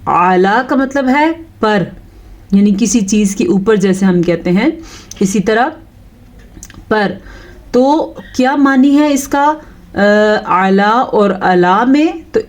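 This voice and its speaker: A woman teaching Quran recitation step by step, explaining patiently and drawing out each recited word slowly. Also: a little high, expressive, darkish tone. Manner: slow, patient explaining with drawn-out recited words.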